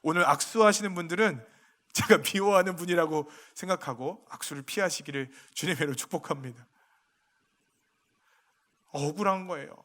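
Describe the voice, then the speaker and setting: A male pastor preaching a sermon in a church, rising to loud emphatic peaks and dropping to quiet confiding asides, with many questions put to the congregation. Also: on the high side, a little fast, pauses often. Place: church sanctuary.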